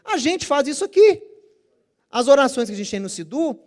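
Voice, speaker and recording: A man's voice: very high voice, sing-song, normal speed, darkish tone. A man teaching a Bible study lecture, explaining Hebrew terms with care and asking rhetorical questions that he then answers himself.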